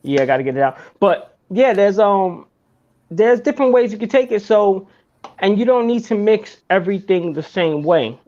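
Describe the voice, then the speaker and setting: A man's voice: high-pitched, lively intonation, moderate pace, darkish tone, highs cut off. A man hosting a podcast in casual chat, laid-back and swearing freely. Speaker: podcast host.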